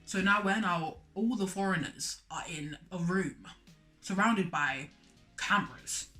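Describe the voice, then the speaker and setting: A young woman vlogger telling a story in an animated, chatty way, full of "like" and acted-out voices. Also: fairly low pitch, takes it slowly. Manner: chatty, dramatic, acts out voices, lots of "like". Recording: faint music bed behind.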